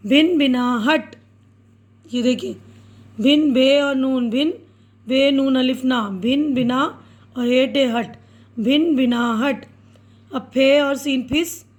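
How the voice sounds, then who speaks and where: A woman with a high voice teaches slowly and patiently, spelling every word out letter by letter. She keeps checking in with short confirmations as she guides young pupils through a workbook page. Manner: checks in with "theek hai" often. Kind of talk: step-by-step writing lesson.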